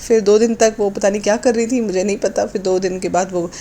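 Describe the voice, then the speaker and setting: A woman delivers a sarcastic, mocking vlog commentary in a mellow, warm voice, dropping English phrases into her talk. Faint noise sits underneath. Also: mid-range voice, steady tone, fast talker. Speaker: commentary vlogger.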